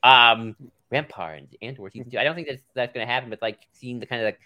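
Laid-back guy co-hosting a podcast, mid-pitch voice, lots of ums and you knows, chuckles here and there. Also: fast, sharp tone. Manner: easygoing, filler-heavy musing with laughs. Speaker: podcast co-host. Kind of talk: casual live-stream chat.

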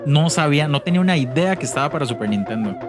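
A Costa Rican man with a slightly high voice hosts a casual gameplay chat, full of slang and stray English words. Game music plays clearly behind him. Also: expressive, very fast. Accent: Costa Rican Spanish. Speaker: co-host.

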